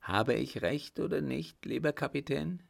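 A man's voice: mid-range voice, a little slow, gravelly, pitched above the performer's own voice. A man voicing a scheming, sly baron who coaxes his accomplice with lurking eagerness. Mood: sly coaxing. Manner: sly, coaxing.

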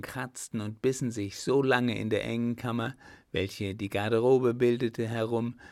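An audiobook narrator reads scripted narration in a slow, gravelly male voice of mid-range pitch. The studio sound is clean, with no echo.

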